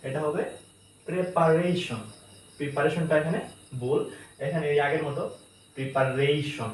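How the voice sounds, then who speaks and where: A man's voice: medium pitch, a little mellow, slight background noise. Man teaching pronunciation, repeats words, distant from mic, roomy echo, faint crickets behind. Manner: explains slowly, repeats words for emphasis. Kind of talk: casual spoken lesson. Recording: echoey room from far off.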